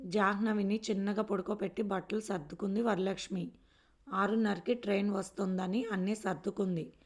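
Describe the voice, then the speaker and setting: Flat-toned woman reading a story. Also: mid-range voice, normal speed. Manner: steady storytelling. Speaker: story reader. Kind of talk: reading a serial story aloud.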